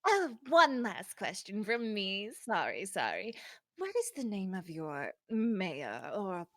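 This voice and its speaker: A woman's voice: mid-range voice, sing-song, slow pace, a bit bright, no echo, studio quality. A woman chatting casually as a player in an improvised tabletop role-playing game.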